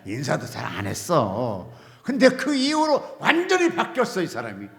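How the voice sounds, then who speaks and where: An older man, a pastor, preaching an animated storytelling sermon in a church, swinging between shouts and low asides. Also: moderate pace, gravelly, background noise. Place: church sanctuary. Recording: church hall with long reverb.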